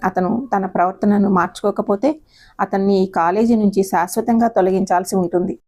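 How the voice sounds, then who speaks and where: A woman voicing a calm, firm male college principal in an audio story, polite but unbending. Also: mid-range voice, moderate pace, natural voice.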